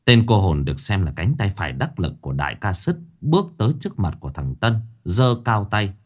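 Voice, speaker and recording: A man narrating a ghost story, with a pitch that rises and falls in a lively way. He tells it expressively, leaning into the tension. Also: fairly quick.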